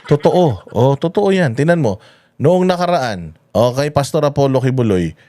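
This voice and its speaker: A man's voice: expressive, moderate pace, warm tone, dry recording, studio quality. Chuckling man giving casual commentary. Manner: chatty, chuckling, swinging pitch. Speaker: political commentary vlogger.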